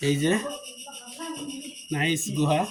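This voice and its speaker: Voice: medium pitch, little pitch movement, takes it slowly. A casual travel vlogger exploring and filming a cave, exclaiming and calling out to companions, with the voice echoing off the cave walls. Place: inside a cave, handheld camera. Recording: echoey cave, chatter around.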